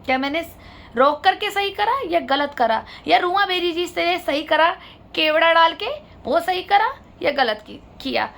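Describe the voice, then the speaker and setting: High, gravelly woman telling her story. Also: lively intonation, measured pace, fairly bright tone. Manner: indignant, appeals to viewers for their judgment. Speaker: vlogger telling her own family story. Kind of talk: personal storytelling to viewers.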